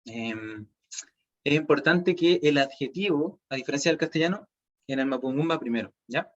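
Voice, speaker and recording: Man, Chilean Spanish accent, fairly high voice, online language teacher, patient step-by-step explaining, muffled lo-fi call audio. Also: normal speed. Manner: explains step by step, checks in with "¿cierto?" and "¿ya?". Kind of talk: online class lecture.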